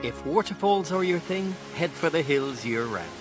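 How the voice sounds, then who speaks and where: A man's voice: a little high, animated, moderate pace. A man reading a scripted narration for a wildlife guide. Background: music.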